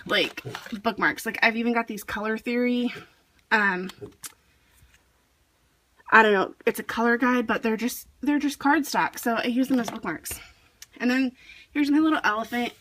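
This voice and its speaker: A woman's voice: fairly high pitch, fairly bright tone. A young woman chatting casually while giving a home tour for her vlog, with plenty of fillers and a rambling way of talking. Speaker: vlogger.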